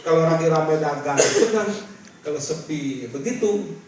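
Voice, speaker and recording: A man preaching a lively, animated church sermon to a congregation, illustrating his points with everyday stories. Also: fairly high pitch, normal speed, far from the mic, a loud crowd. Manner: animated, rising to shouted calls to the congregation. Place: large church hall with a congregation. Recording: echoey church hall, mic from afar.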